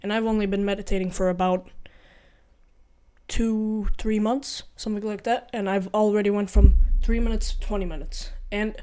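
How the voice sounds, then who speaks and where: The young Ukrainian vlogger, with his combined Ukrainian and Norwegian accent, has a high voice with flat delivery, a warm, clean tone and a moderate pace. Giving casual advice, he rambles earnestly, self-corrects often and repeats his points.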